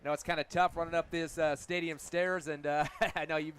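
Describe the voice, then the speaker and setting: A man's voice: on the high side, little pitch movement, brisk, fairly bright tone, clear, resonant tone. A man hosting a halftime broadcast interview from a stadium press box, chatty and folksy, joking with his guest. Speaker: radio sports broadcaster.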